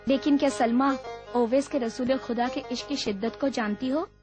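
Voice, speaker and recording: A man playing a calm young friend who explains things gently, in a dubbed drama. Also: very high voice, normal speed, music in the background.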